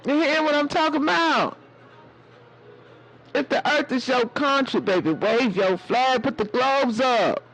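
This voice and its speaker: A sassy elder woman, as a man puts her on, lectures a live audience in a very high, hoarse voice. She preaches in a motherly way and calls everyone baby and honey. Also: measured pace, fairly bright tone, soft background music, exaggerated voice, poor audio. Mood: preachy. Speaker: live-stream host. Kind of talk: preachy casual live-stream talk.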